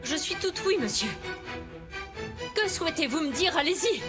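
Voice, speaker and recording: Fierce, high-voiced defiant mother. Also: expressive, normal speed. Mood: challenging. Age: middle-aged. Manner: intense, insistent, theatrical. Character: fierce, defiant mother confronting her enemies. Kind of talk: dubbed TV soap drama acting. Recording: dramatic music under studio dub.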